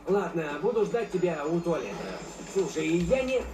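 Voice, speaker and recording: A mocking young rebel in a video game. He teases in a high, animated voice, slightly distant with echo around it. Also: normal speed. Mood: cocky. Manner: sardonic, teasing. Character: cocky, mocking young male rebel with powers. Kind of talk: Russian video game dub acting. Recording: echoey, distant sound with game music behind.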